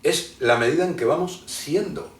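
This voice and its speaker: Heard through a distant mic in a roomy space, this Argentine man's voice sits on the high side and moves at a normal speed. As an interview guest, he explains his ideas at length in a conversational, lecturing manner, often hesitating and beginning sentences again.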